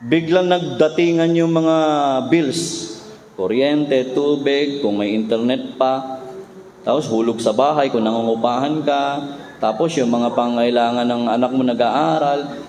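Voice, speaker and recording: A man's voice: medium pitch, fairly even intonation, unhurried, a little mellow. A man, a pastor preaching a sermon with emphatic rhetorical questions. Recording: reverberant hall with faint hum.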